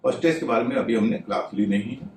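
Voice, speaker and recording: A man gives a methodical video lesson on pronunciation, spelling words out letter by letter. His voice sits at an ordinary pitch and sounds a little off-mic. The room is echoey, with a faint hum behind him. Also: fast, darkish tone. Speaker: English pronunciation teacher. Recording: roomy, slightly distant mic with faint ambience.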